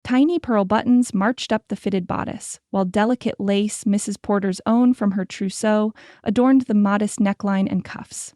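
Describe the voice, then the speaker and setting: A woman narrating a historical romance audiobook in a measured, descriptive way, close to the mic. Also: mid-range voice, fairly even intonation, mellow, dry recording. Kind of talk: scripted narration.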